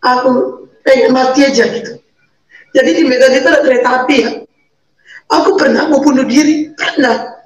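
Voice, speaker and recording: A woman with a high voice gives an earnest personal testimony and repeats key words for emphasis. She is far from the microphone. Her voice sounds roomy and echoey, like a video call. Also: moderate pace, long pauses. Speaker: interview guest, a convert and single mother.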